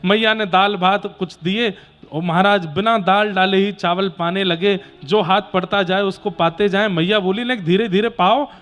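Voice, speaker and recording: A katha preacher with a high, steady, fairly bright voice tells devotional stories in a sermon to a gathering. He speaks unhurriedly and now and then breaks into devotional song.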